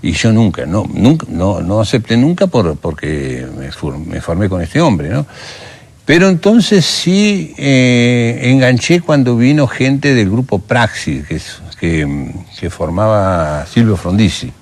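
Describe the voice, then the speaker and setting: An older Argentine man with a lowish voice that rises and falls widely as he tells his story. He slips into the voices of the people he remembers. The delivery is that of a documentary interview. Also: takes it slowly. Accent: Argentine Rioplatense Spanish. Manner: animated storyteller who acts out remembered dialogue. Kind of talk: recounting memories in a documentary interview.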